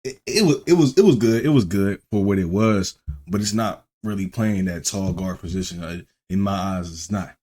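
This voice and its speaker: A man's voice: low voice, moderate pace, warm tone. A man hosting a gaming channel, chatting casually in slangy, laid-back talk. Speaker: YouTube gaming channel host. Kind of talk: casual reaction commentary.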